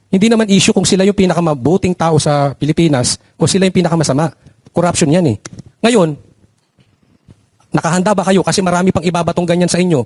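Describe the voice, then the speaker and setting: Vlogger man on a panel, a touch high, measured questions, dry mic. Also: darkish tone, dry recording.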